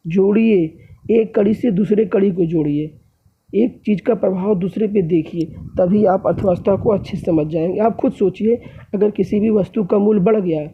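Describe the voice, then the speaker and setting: Husky-voiced man teaching economics. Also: high-pitched. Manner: explains step by step, often addressing viewers as friends. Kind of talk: classroom lecture. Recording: tinny phone-like audio.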